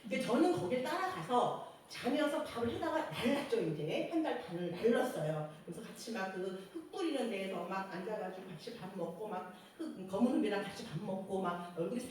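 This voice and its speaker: A woman sharing a church testimony, telling her story in a lively way, acting out quotes and laughing often. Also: mid-range voice, a little fast. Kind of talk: personal testimony. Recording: echoey room, distant mic, faint noise.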